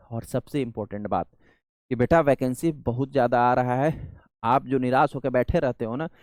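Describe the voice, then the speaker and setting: A man's voice: on the high side, a little mellow, clear, resonant tone, no room sound, clean studio sound. A man teaching an exam-prep lecture, speaking earnestly and calling his students sir and beta. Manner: earnest, addresses viewers as sir and beta, mixes in English. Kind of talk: coaching lecture on a job vacancy.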